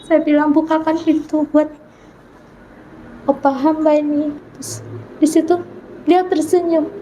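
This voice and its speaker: Wanita bersuara tinggi yang bercerita dengan sungguh-sungguh. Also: female voice, high voice, little pitch movement, a little slow, mellow, a little hiss or hum, low-quality recording. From North Sulawesi, Indonesia. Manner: earnest storytelling, acting out remembered dialogue. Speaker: guest telling her conversion story. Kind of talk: personal testimony in an interview.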